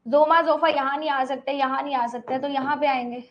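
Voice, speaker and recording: A woman's voice: high-pitched, fairly even intonation, fairly quick, dull audio, slight background noise. A woman teacher explaining a puzzle step by step, repeating items and checking in with her students. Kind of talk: online class explanation.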